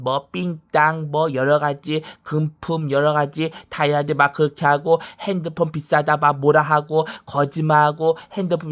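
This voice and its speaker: Man circling through the same phrases. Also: fairly high pitch. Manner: repeats the same short phrases over and over. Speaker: vlogger. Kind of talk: rambling personal monologue.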